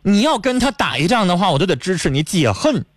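A man's voice: sits high, sing-song, quick pace, dry recording, clean studio sound. A man hosting a radio call-in advice show, bluntly scolding and lecturing callers. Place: radio studio.

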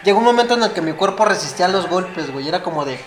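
A man's voice: high-pitched, lively intonation, rapid-fire, reverberant, faint music behind. A man with a Mexican accent telling crude stories in casual podcast banter, swearing and saying güey constantly. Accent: Mexican Spanish.

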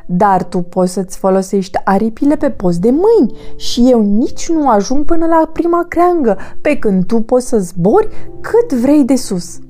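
A woman voicing a gentle, curious cow who speaks softly and kindly in a storybook reading. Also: fairly high pitch, big pitch swings, soft background music. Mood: gentle, coaxing. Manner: soft, coaxing, kindly.

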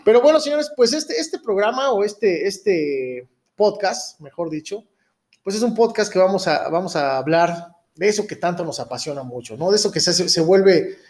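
A man's voice: sits high, animated, moderate pace, darkish tone. A Mexican man in his thirties hosting a casual podcast, rambling in street slang and often checking for agreement. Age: 30s. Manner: rambling, keeps seeking agreement with tag questions. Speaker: podcast host.

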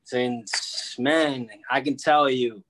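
A freelance sports media journalist, born in Peru and raised in the United States from age two, chats casually as a guest, telling personal stories in slangy, repetitive street talk full of "bro," "man" and "you know what I mean." His medium-pitched voice is steady, very slow and a bit bright, over poor audio with a little hiss or hum.

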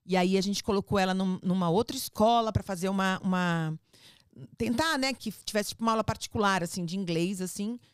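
A woman's voice: medium pitch, brisk, clear, resonant tone, no echo, studio quality. A woman with a Brazilian accent, a mother who gives advice in casual conversation, making her points emphatically and repeating them firmly. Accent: Brazilian Portuguese. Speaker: mother giving parenting advice. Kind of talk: casual podcast chat.

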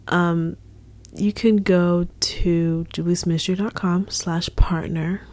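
A young woman speaks as a ministry leader in a casual devotional talk, slow and earnest, repeating her points. Her voice sits a little low and sounds mellow. She often slips into a soft, half-whispered delivery. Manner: earnest, repetitive, soft-spoken with whispery stretches.

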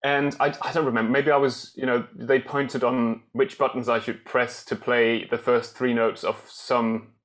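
A man's voice: mid-range voice, flat delivery, normal speed, few pauses, fairly bright tone. A man from Denmark, a guest accordionist on a podcast, telling his story thoughtfully with many fillers and restarts. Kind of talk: podcast interview.

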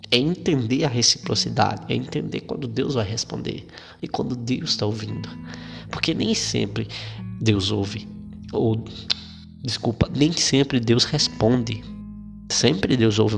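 A man preaches as if chatting with a friend, full of fillers and restarts. His voice is heavily gravelly and sits at an ordinary pitch. A long reverb trails his words, with a faint guitar playing underneath. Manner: conversational, colloquial, with frequent fillers and repetitions. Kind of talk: informal sermon.

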